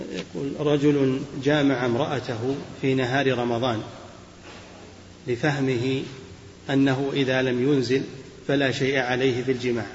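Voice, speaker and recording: Flat-voiced man reading out questions. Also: medium pitch. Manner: formulaic, steady reading, each question opened with a polite address. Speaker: reader of questions to the sheikh. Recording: roomy, dull old hall recording with faint hiss.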